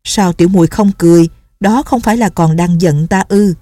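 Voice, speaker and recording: A sly young male swordsman, gentle on the surface and full of mock remorse, as a woman reads him in her own low, mellow voice. The sound is dry and close. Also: a little fast, no room sound, natural voice. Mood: mock-remorseful.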